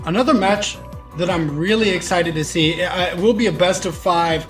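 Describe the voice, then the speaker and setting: A man's voice: high-pitched, moderate pace, a bit bright, soft background music. A man casting and interviewing players on an esports broadcast, upbeat with lots of "uh" fillers.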